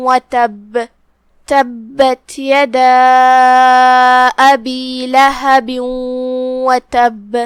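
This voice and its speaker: A woman's voice: high-pitched, a bit bright, no echo, clean studio sound. A woman teaching Quran recitation step by step, methodically explaining each pronunciation rule.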